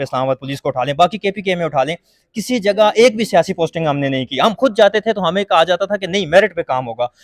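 A lawyer, a man, argues his case to a reporter in rapid, emphatic bursts. His voice sits a little high and sounds dry and close, with no room around it. He presses each point with quick insistence. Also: dry recording. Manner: fast, emphatic, argumentative. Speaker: lawyer, party legal forum member. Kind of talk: courthouse interview answers.

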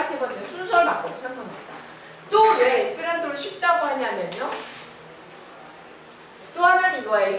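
A woman teacher with a fairly high, lively voice explains points step by step and asks the class questions. She is heard from a distance in a very echoey hall. A faint hiss of room noise sits underneath her voice. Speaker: Esperanto lecturer. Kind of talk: classroom lecture.

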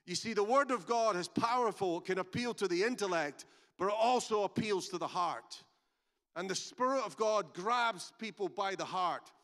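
A Scottish pastor leads a church service, his voice high for a man and fairly bright, at a moderate pace. He preaches emphatically but conversationally, moving between stories and prayer. A large church hall gives the sound a long reverberation.

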